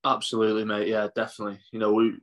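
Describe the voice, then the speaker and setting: A man in his twenties speaks as a boxer in a casual interview. His voice sits a little low. He is matey and laid-back, often circling back over the same phrase. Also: monotone, very fast. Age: 20s. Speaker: professional boxer being interviewed.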